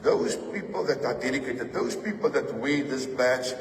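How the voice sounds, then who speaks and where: A man's voice: medium pitch, lively intonation, normal speed, reverberant, big-room sound, far from the mic. A man giving a firm, rallying speech to police officers as an official. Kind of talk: public address to officers.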